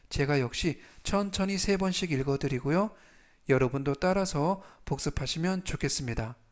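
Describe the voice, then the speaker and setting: A man teaching English vocabulary in a formal, polite manner, slowly repeating each word and sentence three times for learners to follow. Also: on the high side. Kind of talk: slow spoken English lesson.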